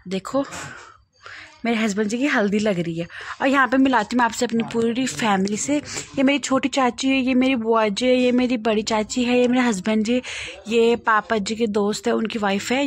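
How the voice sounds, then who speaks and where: Young woman w/ uttarakhand hindi accent, kinda high voice, chatty and giggly walking thru her wedding pics. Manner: chatty and playful, laughing often. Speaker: vlogger showing her wedding album. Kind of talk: casual chat to camera.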